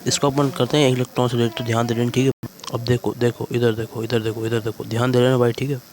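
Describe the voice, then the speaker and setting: A man's voice: medium pitch, little pitch movement, fast, darkish tone. A man teaching chemistry in a casual exam-prep lecture, constantly checking in with "thik hai bhai" and coaxing students along.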